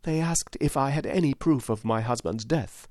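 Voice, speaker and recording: A man reads a classic novel for an audiobook, giving voice to an adult widow who is timid yet determined. His delivery is earnest and dignified, rising to indignation, lightly acted and pitched above his natural register. The mid-range voice moves at a moderate pace, sounds a little mellow, and is recorded in studio quality with no room sound.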